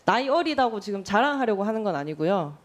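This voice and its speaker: Pointed, lively-voiced woman lawmaker in her thirties. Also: medium pitch. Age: 30s. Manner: measured, pointed and direct. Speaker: lawmaker questioning a nominee. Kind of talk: formal hearing questioning. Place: parliamentary hearing room.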